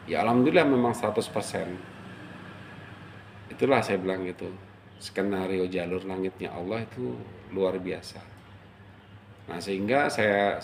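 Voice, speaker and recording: A middle-aged man from Java casually telling a personal story, animated and emotional, acting out the quotes. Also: fairly low pitch, a little hiss or hum. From Java, Indonesia. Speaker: storyteller recounting his life.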